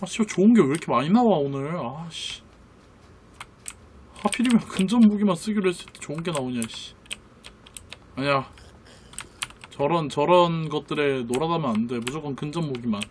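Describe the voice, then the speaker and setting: While playing a battle royale game, a gaming video creator insistently bosses a friend around in casual commentary, swearing freely. His mid-range voice is animated, moving at a moderate pace with frequent pauses over slight background noise.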